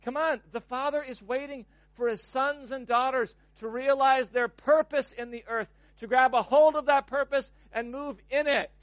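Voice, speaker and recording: A man's voice: very high voice, steady tone, moderate pace, hardly any pauses, fairly bright tone, no room sound, lo-fi sound. A man preaching a sermon in an emphatic way, often repeating words as he builds momentum.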